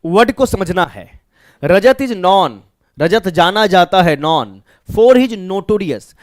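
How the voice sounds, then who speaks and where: A man with a Bihari accent teaches an exam-prep vocabulary lesson in a high voice. He works through each word by asking his own questions and answering them. The sound is close and dry. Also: expressive, very slow, no echo.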